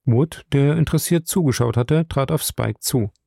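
Gravelly male audiobook narrator. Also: mid-range voice, dry recording, clean studio sound. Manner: steady, measured storytelling. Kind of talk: audiobook reading.

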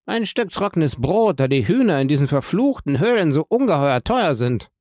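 A man putting on a haughty, outraged rich gentleman. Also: fairly high pitch, big pitch swings, moderate pace, no echo, studio quality, voice pushed up. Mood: indignant. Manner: exasperated, imperious outbursts. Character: haughty, indignant rich gentleman, starving captive. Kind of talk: audiobook character voice.

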